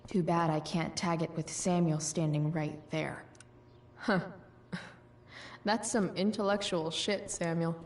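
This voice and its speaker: A woman's voice: on the low side, fairly even intonation, unhurried, pauses often, a little mellow, natural voice. A woman voicing a sarcastic, rebellious teenage girl in a video game, slangy and hesitant, with a wry drawl. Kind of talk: video game dialogue and muttered inner commentary.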